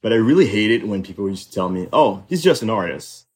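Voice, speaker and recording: A man's voice: on the low side, lively intonation, a little fast, darkish tone, husky. A young man who grew up in Haiti with French and Haitian Creole as his first languages, a podcast guest chatting in a reflective way with many fillers and restarts. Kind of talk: casual conversation.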